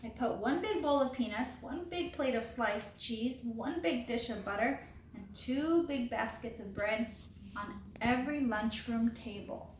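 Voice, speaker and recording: A woman, a teacher, reading a children's picture book aloud in a clear, expressive storytelling voice. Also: on the high side, a little slow. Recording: roomy with faint background hiss.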